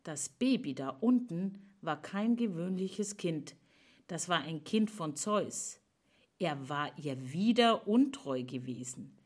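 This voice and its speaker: A woman narrating a myth as a storyteller, slow and dramatic. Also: lowish voice, expressive, darkish tone.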